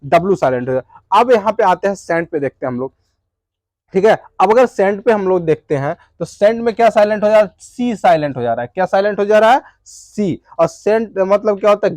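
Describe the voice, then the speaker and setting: Male teacher, slightly high voice, dry close sound; drills a class with questions, answers them himself, repeats each point. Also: a little mellow, no echo. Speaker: English teacher. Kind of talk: classroom lesson explaining English words.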